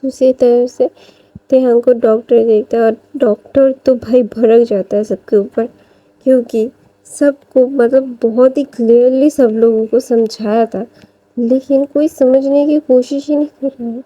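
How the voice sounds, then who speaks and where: A woman's voice: on the high side, fairly even intonation, measured pace, warm tone. A woman casually narrating a fan-fiction story, chatty, with many fillers and restarts. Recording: dull lo-fi recording.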